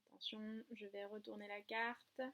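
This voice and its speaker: A woman teaching a lesson to young children from a distance, patient and clear, stressing syllables and spelling words out letter by letter. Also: medium pitch, little pitch movement, unhurried, a bit bright. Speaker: kindergarten teacher. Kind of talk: remote classroom lesson.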